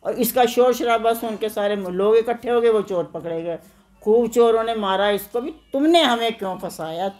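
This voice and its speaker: A woman's voice: a little high, fairly even intonation, normal speed, darkish tone, soft background music. A woman preacher with a north Indian Hindi accent gives a devotional discourse, telling a story with chanted refrains and acted-out quotes.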